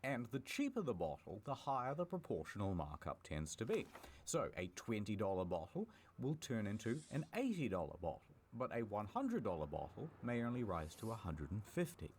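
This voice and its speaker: A man's voice: lowish voice, huge pitch swings, fairly quick, a little mellow, a little hiss or hum. A man delivering comedic scripted narration in a theatrical, mock-serious, punchy way. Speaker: video narrator and ad presenter.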